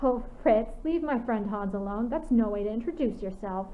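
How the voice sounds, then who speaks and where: A woman's voice: on the high side, expressive, moderate pace, slight background noise, lightly acted. A woman doing a spirited young wolf girl. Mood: warm. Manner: joyful shouting, earnest when serious. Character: lively young girl wolf walker, brave. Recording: tinny phone-like audio.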